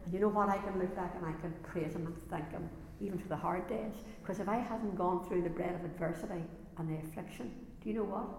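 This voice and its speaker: A woman's voice: on the low side, fast talker, creaky, hardly any pauses, a little mellow, slight background noise. A woman preaching a sermon to a congregation in an earnest way, often repeating words as she builds a point. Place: church or hall, before a congregation. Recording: echoey hall with long reverb.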